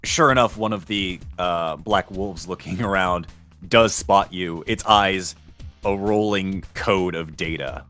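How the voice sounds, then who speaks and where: A game master with a fairly low male voice narrates a tabletop adventure in measured, formal phrasing. Soft music plays underneath.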